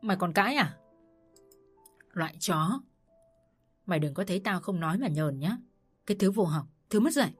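A woman's voice: fairly low pitch, animated, moderate pace, pauses often, slightly rough, faint music behind. A woman voicing an abusive older mother-in-law who screams insults, in a storybook reading. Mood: furious.

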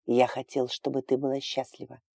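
A woman voicing a gentle, remorseful male dragon lord who speaks softly and low. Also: monotone, fairly quick, creaky, no room sound, studio quality, heavily acted. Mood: tender. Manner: soft, low, sighing.

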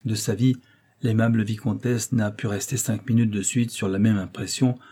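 A man narrating a classic novel in a measured, expressive reading. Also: lowish voice, slightly rough. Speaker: audiobook narrator. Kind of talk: scripted literary narration.

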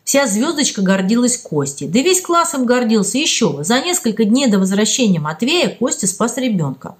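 A woman narrating a children's story as an audiobook, reading in an expressive storytelling way. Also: fairly high pitch, moderate pace.

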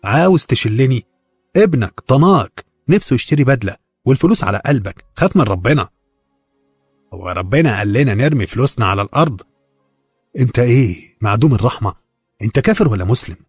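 A man voicing a furious Egyptian housewife who shrieks and curses in a husky voice. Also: on the low side, quick pace, a little mellow, no echo, soft background music. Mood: furious shrill. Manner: shrieking, cursing, indignant. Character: shrill furious Egyptian housewife, middle-aged.

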